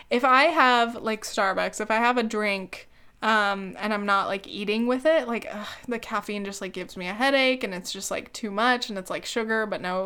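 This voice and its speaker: A woman's voice: medium pitch, bright, forceful tone, clean tone. A young woman hosting her own podcast, telling casual stories with frequent laughs and casual swearing. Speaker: podcast host; barista. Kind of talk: casual solo storytelling. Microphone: camera mic.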